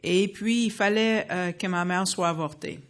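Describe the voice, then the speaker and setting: Her pitch fairly low, a fifties-aged American woman recounts her personal faith journey to an audience. The delivery is sincere and faltering, marked by frequent fillers and restarts.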